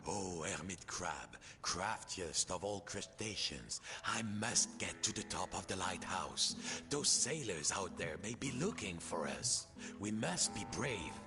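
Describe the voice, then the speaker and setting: A man narrating a storybook video game in a dramatic, expressive storyteller's manner. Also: low-pitched, a little slow, music in the background.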